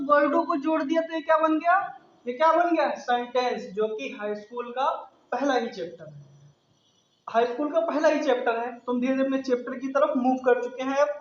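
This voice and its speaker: A male English grammar teacher with a Hindi accent, explaining step by step and often asking the class rhetorical questions. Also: very high-pitched. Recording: echoey room, dull lo-fi sound.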